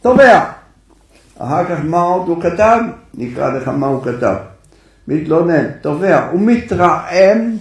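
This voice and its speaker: Gravelly man telling a story in a sermon. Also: fairly high pitch, expressive. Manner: conversational, addresses listeners directly. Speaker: preacher. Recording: echoey room, far from the mic.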